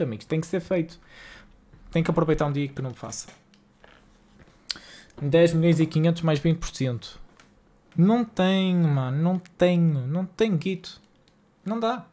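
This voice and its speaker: His voice a little high and somewhat dark in tone, a young Portuguese streamer with a northern Porto accent plays a game live at home. He chats casually and exasperatedly with his audience, full of slang.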